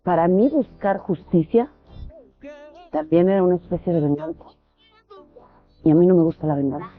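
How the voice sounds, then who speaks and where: A woman's voice: fairly low pitch, normal speed, phone-quality sound, soft background music. A woman speaking reflectively and firmly in an interview clip.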